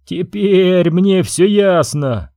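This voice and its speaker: A man voicing a proud, hot-tempered young prince who accuses and shouts in a raised voice. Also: sits high, lively intonation, unhurried, no echo, studio quality, pitched above the performer's own voice. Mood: furious.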